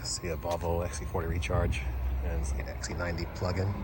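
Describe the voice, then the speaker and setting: A man vlogging casually outdoors at car chargers, relaxed and offhand as he talks through each step. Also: deep voice, fast talker. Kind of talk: casual narrated vlog. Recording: loud outdoor ambience and traffic noise. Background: loud outdoor and vehicle noise.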